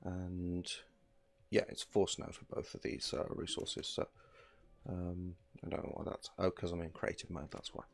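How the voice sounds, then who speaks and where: Male streamer, 30s, deep with vocal fry; loose, filler-heavy, relaxed chat at a home desk mic. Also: measured pace. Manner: rambling, filler-heavy, easygoing. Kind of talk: casual gameplay commentary.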